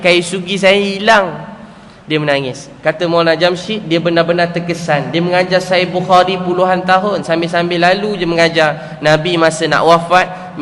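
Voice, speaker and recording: Malaysian preacher with a high voice in a ringing hall. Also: male voice, a bit bright. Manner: storytelling, earnest, with repeated phrases and rhetorical questions. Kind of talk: sermon to a congregation. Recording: echoey hall, faint background noise.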